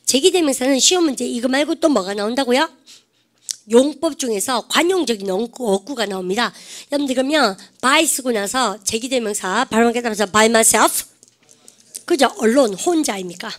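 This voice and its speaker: A woman teaching an English grammar lecture, quizzing her class with lively rhetorical questions. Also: a little high, fairly quick.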